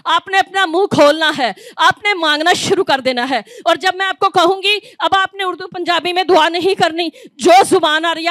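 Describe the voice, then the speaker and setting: Fervent high-voiced woman preacher. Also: fairly bright tone, dry recording. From Pakistan. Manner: fervent, repeats phrases, chants in tongues. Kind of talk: fervent revival sermon.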